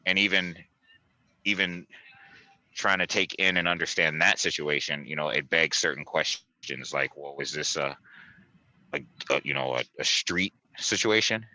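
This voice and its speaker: A man co-hosting a casual analytical discussion, speaking deliberately through a mask and often qualifying his points. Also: rumbling low, sharp tone, no room sound, low-quality recording. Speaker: talk show co-host.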